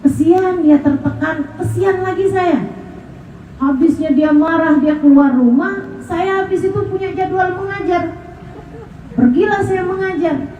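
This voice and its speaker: A woman's voice: very high voice, a little slow, dark tone, slight background noise. A woman preacher giving a sermon, telling her own stories and acting out the dialogue with her husband. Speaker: ustazah, Islamic preacher. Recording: echoey distant mic, lo-fi phone-like sound.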